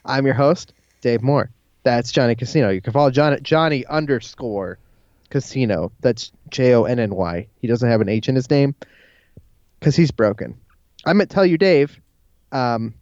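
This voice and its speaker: A man hosting a podcast with casual banter, talking haltingly and repeating words as he goes. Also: medium pitch, a little mellow, no room sound, highs cut off. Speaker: podcast host. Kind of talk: casual banter between co-hosts.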